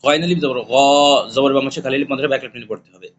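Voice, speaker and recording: A man teaching Quran reading, spelling out Arabic letters and vowel marks one by one in a slow, repetitive classroom manner. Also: mid-range voice, steady tone, dull audio. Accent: Bangladeshi Bengali.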